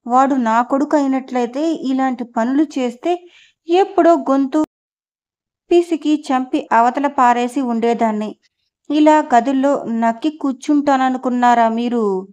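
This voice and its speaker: A woman's voice: high voice, measured pace, darkish tone, muffled recording. A woman reader voicing a furious, proud middle-aged wife who scolds and confronts her husband in an audio novel. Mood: angry.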